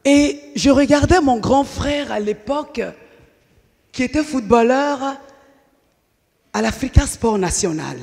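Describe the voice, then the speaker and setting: A woman, telling her life story to an audience in a lively way and acting out the voices of the people in it. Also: a little high. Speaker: speaker giving a personal testimony. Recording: long hall reverb.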